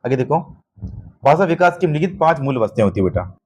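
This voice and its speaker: A man's voice: medium pitch, very animated, fast talker, a little mellow, husky. A man teaching an exam-prep lesson, constantly checking understanding with short questions and calling students "beta". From Rajasthan.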